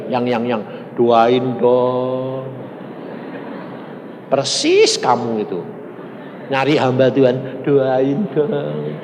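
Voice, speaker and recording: A man with a Javanese accent preaching a storytelling sermon, acting out the voices in his story and slipping into local dialect. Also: fairly high pitch. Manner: animated, acts out quoted voices, mixes in local dialect. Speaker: evangelist preacher. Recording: long reverb in a large hall, faint noise.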